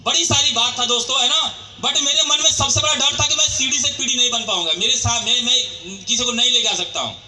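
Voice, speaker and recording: A man's voice: extremely high pitch, fast, hardly any pauses, bright, forceful tone. A man giving a motivational storytelling speech at a company event, addressing the crowd as friends and asking them questions. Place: large event hall. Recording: echoey hall.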